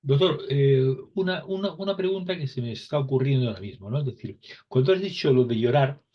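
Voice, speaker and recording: Hesitant male interviewer, husky and lo-fi. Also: medium pitch, brisk. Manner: hesitant, searching for words, many restarts. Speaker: interviewer, host. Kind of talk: interview questions. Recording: dull, lo-fi sound.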